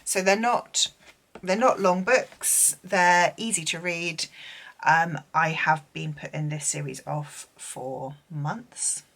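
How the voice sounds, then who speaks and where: Tired, unwell and losing her voice, a book vlogger chats casually and rambles, full of fillers and restarts. Her voice is deep and a bit bright, with vocal fry and a slow pace.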